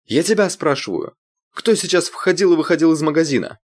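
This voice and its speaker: A man voicing a rich, haughty woman who snaps at staff in a sharp, demanding way, for an audiobook. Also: mid-range voice, very animated, fast talker, no echo, clean studio sound, pitched above the performer's own voice, lightly acted. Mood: furious.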